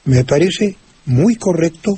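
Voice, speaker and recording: An older man with a Mexican Spanish accent, explaining word usage on a radio call-in show, slowly, with many restarts and fillers. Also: fairly high pitch, animated, mellow, breathy edge. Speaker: language expert answering listener questions. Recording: old radio recording with faint hiss.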